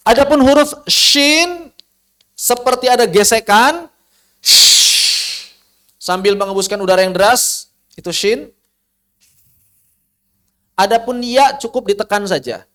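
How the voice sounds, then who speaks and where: A man teaching Quranic recitation, explaining and slowly repeating letter sounds to demonstrate them. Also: very high-pitched, fairly bright tone. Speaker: tajwid teacher. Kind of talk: recorded lesson on Quranic pronunciation.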